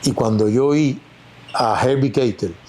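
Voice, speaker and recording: A man with a Cuban accent, an actor, talks reflectively in a laid-back interview, spinning stories with many fillers. His medium-pitched voice has a darkish tone and a slightly slow pace, with a little hiss or hum in the recording.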